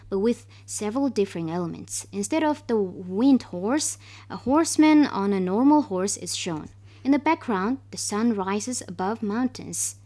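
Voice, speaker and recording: A woman's voice: on the high side, mellow. A woman radio presenter, reading scripted informational narration.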